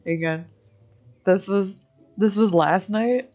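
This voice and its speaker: A mellow, medium-pitched woman from Michigan talks slowly and casually while hosting a gaming livestream. She's American, giggly, and full of slang, keeping the chat loose and informal.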